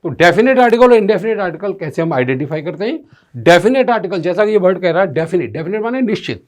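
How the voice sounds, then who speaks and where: A man's voice: sits high, sing-song, fast talker. A man explaining English grammar step by step as a teacher, often asking rhetorical questions and reading out English sentences. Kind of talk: classroom-style grammar lesson.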